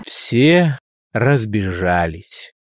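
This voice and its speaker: A man narrating a classic story in a slow, expressive audiobook reading. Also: on the low side, dull audio, over music.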